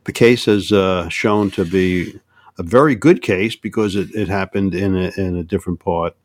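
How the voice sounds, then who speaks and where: Older male podcast guest, low voice, dry close sound, halting delivery with many restarts. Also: no room sound. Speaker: guest on UFO topics. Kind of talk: casual podcast conversation.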